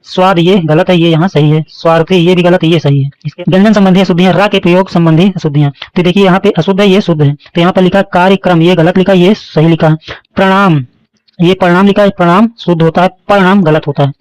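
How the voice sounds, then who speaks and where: A man's voice: high voice, steady tone, fast talker, a little mellow, dry recording, low-quality recording. A man teaching a Hindi grammar lesson, repeating each word and often checking that students understand. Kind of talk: online lesson explaining spelling mistakes.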